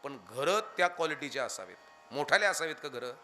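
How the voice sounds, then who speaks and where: A man preaching a devotional kirtan sermon, animated and firing questions at his listeners, now and then chanting lines of verse. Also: on the high side, fairly quick. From Maharashtra, India.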